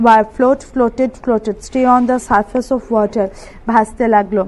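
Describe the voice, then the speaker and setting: A woman English tutor with a Bengali accent, slowly reading a vocabulary list and spelling words out letter by letter. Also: a little high, fairly even intonation, a little mellow, poor audio.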